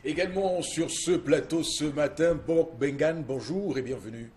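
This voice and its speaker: A man's voice: a little high, moderate pace, a little mellow, slight background noise. A man hosting a morning TV talk show, introducing the panel with many hesitations. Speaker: TV host.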